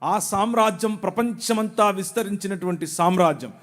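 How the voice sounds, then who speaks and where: A man's voice: high-pitched, normal speed, a bit bright. A man from Andhra Pradesh preaching a sermon before a large live crowd, mixing joking asides with patient explanations. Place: large venue before thousands.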